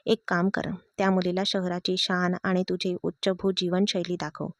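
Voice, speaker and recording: A woman's voice: fairly low pitch, flat delivery, normal speed, dry recording, studio quality, close to an everyday voice. A woman voicing a young man giving his friend a scheming plan, sounding persuasive and amused, reading a storybook aloud. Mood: plotting.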